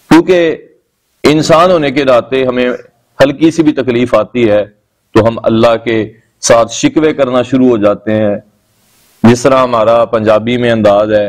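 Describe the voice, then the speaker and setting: A man's voice: medium pitch, a little mellow. A man from Pakistan, preaching a sermon that summarizes the Quran, explaining patiently and repeating key phrases. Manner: explanatory, repetitive phrasing, recites Arabic verses. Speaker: Islamic preacher.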